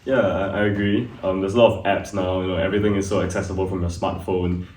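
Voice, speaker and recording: Chatty young guy from singapore, lowish voice, sounds a bit far off in an echoey room. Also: quick pace. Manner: relaxed, chatty, laughs easily. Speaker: student guest. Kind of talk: casual chat. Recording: echoey room, mic at a distance.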